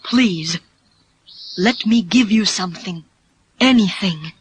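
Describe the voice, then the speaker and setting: A woman with a British English accent voicing a grateful adult village chief who speaks calmly and courteously. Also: mid-range voice, takes it slowly, background noise, natural voice.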